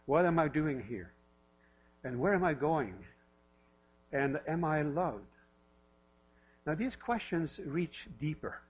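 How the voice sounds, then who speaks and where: A man's voice: on the high side, animated, takes it slowly, pauses often. A pastor in his fifties, originally from Norway, gives a sermon in a church with light self-deprecating humor, asking the same questions again and again. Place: church sanctuary. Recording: lo-fi with mains hum.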